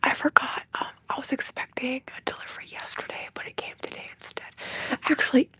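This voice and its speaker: Whispering woman, bright and breathy ASMR host. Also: fast talker, no echo. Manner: casual, informal, chatty. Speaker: livestream host. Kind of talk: whispered ASMR livestream chat while coloring. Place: apartment room.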